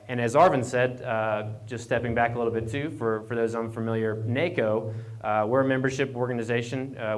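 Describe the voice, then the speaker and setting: At a live conference event, a medium-pitched man from Appalachian Virginia, United States, speaks informally as a guest, drawing on his role as an economic development program manager. He stands away from the podium, is double mic'd, and keeps repeating words and restarting as he goes.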